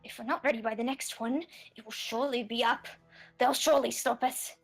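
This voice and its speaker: A woman's voice: fairly high pitch, fairly even intonation, a little fast, vocal fry, faint music behind. A woman voicing an elderly witch who urgently rallies the others with commands. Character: bossy elderly witch, anxious leader of three.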